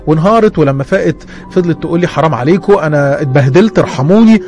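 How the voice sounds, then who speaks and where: A man with an Egyptian accent playing an earnest sheikh who talks haltingly and repeats himself. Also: a little high, expressive, darkish tone, soft background music, lightly acted. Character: earnest middle-aged male sheikh and exorcist.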